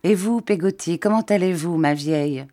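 Courteous young man, affectionate tone, read by a woman, lowish voice. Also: normal speed, warm tone, lightly acted. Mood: friendly.

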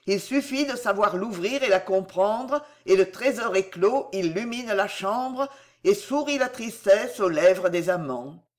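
A woman reading as a teasing young man, quick-witted and easily vexed, in a storybook reading. He sounds sarcastic and mock-weary, with a lively up-and-down melody. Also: medium pitch, close to an everyday voice. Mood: mock-weary irritated.

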